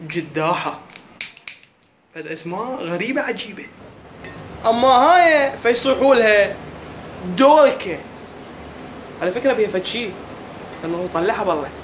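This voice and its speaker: A young man with an Iraqi Arabic accent, doing an animated, mock-puzzled comic vlog monologue. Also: sits high, moderate pace, long pauses, noisy background. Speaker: comedy vlogger.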